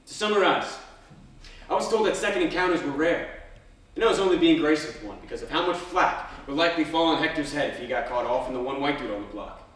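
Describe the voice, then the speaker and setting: A man performs a one-man stage monologue in a slightly high voice. He tells his story dramatically, with a dry, wry humour. The sound is heavily echoing and picked up some way from the microphone. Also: fast talker, fairly bright tone. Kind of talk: theatrical first-person monologue. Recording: very echoey stage, distant microphone.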